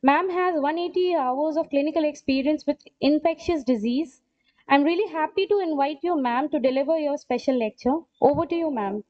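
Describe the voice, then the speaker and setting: A woman's voice: high voice, moderate pace, muffled recording. A woman anchoring a conference session, formally reading out a speaker's biography. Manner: formal, reads a biography aloud. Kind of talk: formal scripted introduction. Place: college conference hall.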